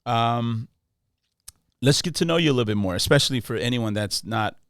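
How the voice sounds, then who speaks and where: A man's voice: medium pitch, lively intonation, moderate pace, clear, resonant tone, no room sound, clean studio sound. A man hosting a podcast, talking casually in slang and often restarting his phrases. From Los Angeles. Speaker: podcast host. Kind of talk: casual interview chat.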